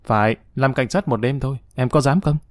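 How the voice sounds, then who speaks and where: A man's voice: mid-range voice, a little fast, no room sound, clean studio sound, natural voice. A man voicing a jovial, assured hero. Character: confident young man, calm leader, jovial.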